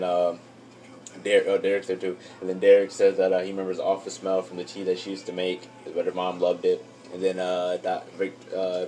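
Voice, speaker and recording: A man's voice: deep voice, dark tone. A young man giving a casual, rambling episode recap for his channel, full of fillers and restarts. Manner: rambling, filler-heavy, loses track. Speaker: YouTube reviewer.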